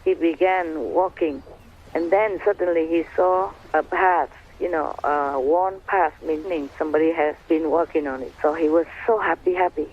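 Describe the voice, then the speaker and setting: A woman slowly telling a story to her team over a conference line, chatty and laughing between phrases. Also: low-pitched, steady tone, slightly rough. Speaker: spiritual teacher telling a story. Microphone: phone or conference line. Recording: tinny dry phone line.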